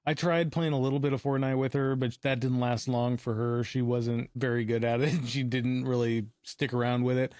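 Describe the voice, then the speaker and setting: A man co-hosting a casual podcast, offhand and easygoing in how he talks. His voice sits at an ordinary pitch, recorded close and dry. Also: level tone, moderate pace, hardly any pauses, darkish tone, no echo. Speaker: podcast co-host. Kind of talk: casual chat.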